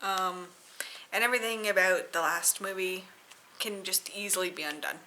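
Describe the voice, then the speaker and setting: A woman giving a casual, tipsy, rambling film rant, sweary and sarcastic, halting and repeating herself for emphasis. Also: mid-range voice, bright, forceful tone, slight background noise, rough recording. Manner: tipsy, loose drunken rambling. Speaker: solo vlogger reviewing a film.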